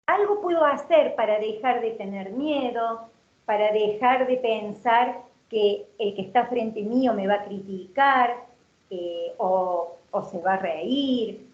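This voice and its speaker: A woman giving an educational workshop talk, explaining things and asking rhetorical questions. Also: fairly high pitch. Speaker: workshop speaker. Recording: roomy, dull lo-fi sound.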